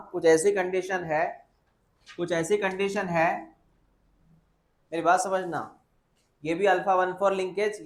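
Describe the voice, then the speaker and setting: Man teaching biology in an echoey classroom. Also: high voice. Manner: repetitive, quizzing students with quick questions. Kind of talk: classroom lecture.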